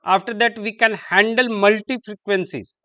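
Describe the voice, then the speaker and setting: A man giving a classroom lecture, halting and repeating terms as he writes on the board. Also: sits high, fairly even intonation, bright, forceful tone, dull audio, slight background noise.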